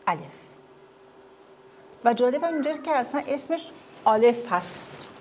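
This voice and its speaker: A woman's voice: high voice, animated, darkish tone, a little hiss or hum. A woman giving a classroom lecture with slides, often asking her listeners whether they see and follow.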